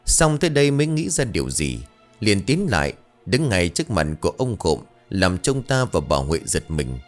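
A man narrating a village folk tale in a lively, colloquial storytelling manner. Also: low voice, normal speed, faint music behind.

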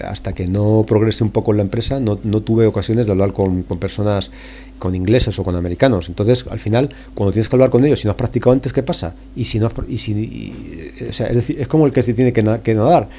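A man's voice: on the low side, fast talker, mellow, slight background noise. A man with a Spain Spanish accent hosting a podcast, talking casually and informally, coaxing listeners and repeating words for emphasis. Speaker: podcast host. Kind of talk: casual solo podcast talk.

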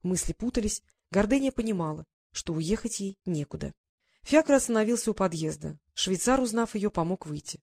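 A woman reads a romance novel aloud as an audiobook narrator, calm and even. Her voice sits at an ordinary middle pitch. The recording is dry and close, with no room sound. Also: moderate pace, creaky, slightly rough, no echo.

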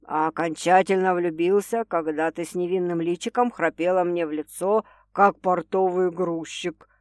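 A woman reading an audiobook, voicing a teasing, domineering young man who speaks slowly and wryly. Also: fairly even intonation, dry recording, studio quality, natural voice. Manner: slow, low and wry. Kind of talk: audiobook character voice.

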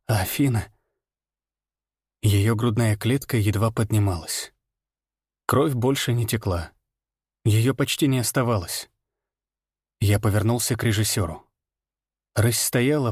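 A man reading first-person fiction aloud in a steady, measured way. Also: mid-range voice, slightly rough, dry recording, studio quality. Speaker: audiobook narrator. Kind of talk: scripted first-person narration.

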